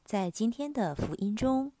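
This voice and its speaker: A woman hosting a prayer program, reading scripture in a measured, solemn way. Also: on the high side, lively intonation, dark tone, no room sound.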